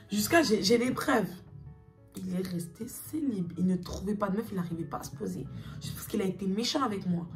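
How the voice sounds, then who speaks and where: A young woman telling a personal story to her viewers in a casual, animated, slangy and emphatic way. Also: mid-range voice, far from the mic.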